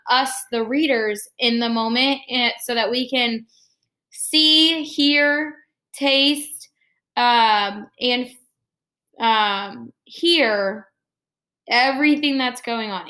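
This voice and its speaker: An elementary school teacher with a high-pitched, sharp voice reads a story to her young class. She explains it to them step by step.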